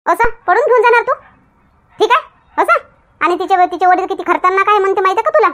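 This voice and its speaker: A woman acting out a fretful village aunt lecturing her nephew in a Varhadi Marathi comedy skit. Her voice is very high. She coaxes and questions him again and again. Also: fast talker, fairly bright tone. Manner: coaxing, lecturing, keeps asking "okay?".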